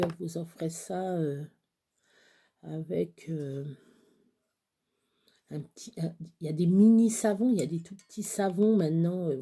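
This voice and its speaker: Slow, husky woman rambling through a craft tutorial. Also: on the low side, warm tone. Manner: rambling, halting, many fillers and restarts. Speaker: craft vlogger.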